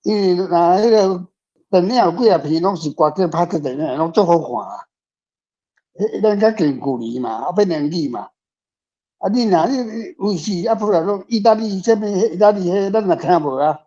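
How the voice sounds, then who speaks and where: A man with a Taiwanese accent speaks in a high, animated, mellow voice at a normal pace. He answers casually as a guest author on a discussion panel, rambling and repeating his words. The recording sounds dull and lo-fi.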